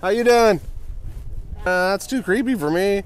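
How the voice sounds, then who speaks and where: This reseller vlogger has a high-pitched, smooth voice and a measured pace. Strolling a flea market in a casual walkaround vlog, he chats upbeat and addresses his audience as "you guys."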